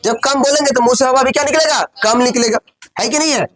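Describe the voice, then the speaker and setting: A man teaching a coaching class, firing questions at his students, answering them himself and repeating phrases slowly while dictating. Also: very high voice, a loud crowd. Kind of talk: classroom lesson with call-and-response.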